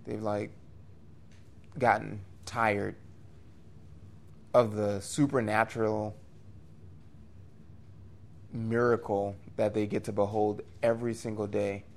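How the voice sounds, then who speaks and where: A man preaching an expository sermon in an earnest, conversational way, with lively rises and quick asides. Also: on the low side, gravelly.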